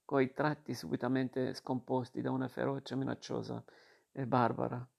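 A man reading a novel aloud in a slow, steady literary manner. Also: mid-range voice, gravelly. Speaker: reader. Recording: dull lo-fi recording.

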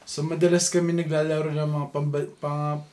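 A young man from the Philippines talks through a childhood game with friends in a loose, chatty way, switching into English phrases now and then. His voice sits a little high for a man. It sounds like easygoing podcast banter. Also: level tone, normal speed, warm tone. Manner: chatty, mixes in English, addresses friends as bro. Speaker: podcast co-host. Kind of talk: casual chat.

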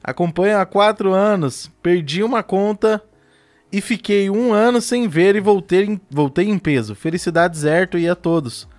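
A man's voice: sits high, normal speed. A man hosting a casual podcast chat, laid-back and full of slang. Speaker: podcast host.

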